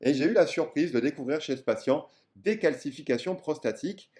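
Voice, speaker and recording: A man's voice: fairly high pitch, lively intonation, brisk, mellow. A man, a general practitioner, gives a casual video lesson on ultrasound in a chatty, enthusiastic way with many fillers. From France.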